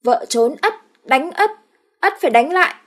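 A woman's voice: high voice, animated, normal speed, a bit bright, pitched above the performer's own voice. A woman voicing a simple-minded, brutal young village man who talks like a child and calls himself by name. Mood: blunt.

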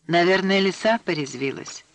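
A male narrator voicing a calm adult woman in an audiobook, soft and even. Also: high-pitched, moderate pace, no echo.

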